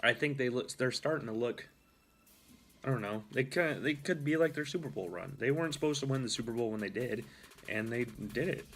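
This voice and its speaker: Fairly quick and fairly bright, this young man's mid-range voice carries his casual solo sports talk show. As host he rambles, leans on fillers and corrects himself as he talks.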